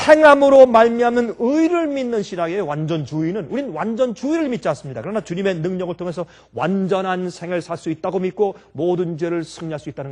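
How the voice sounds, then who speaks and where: Pastor, male, preaching; quick delivery, lots of rhetorical questions and little acted scenes. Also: sits high. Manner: lively, acts out everyday scenes and quotes. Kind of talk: sermon.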